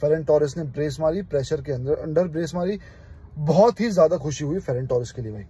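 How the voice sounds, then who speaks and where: A man's voice: a little high, a little fast, mellow, slightly rough. A young man from India, a football fan channel host, giving his opinions in an emphatic, passionate casual vlog. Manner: passionate, emphatic, keeps saying "brother".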